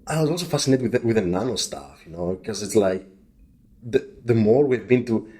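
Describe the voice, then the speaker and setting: Mellow, animated and on the low side, this guest's voice carries a Greek accent; he's a man from Greece in his thirties. Chatting casually on a podcast, he stumbles along, often starting sentences over and filling gaps with fillers.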